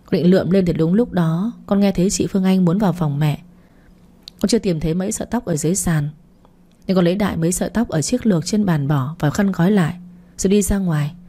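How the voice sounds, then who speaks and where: A woman's voice: lowish voice, fast, warm tone, close to an everyday voice. A woman narrator voicing a spoiled young daughter who confesses and begs forgiveness in an audio story. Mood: confessing. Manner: apologetic, tearful. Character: spoiled young adult daughter, remorseful and tearful. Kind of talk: audiobook reading.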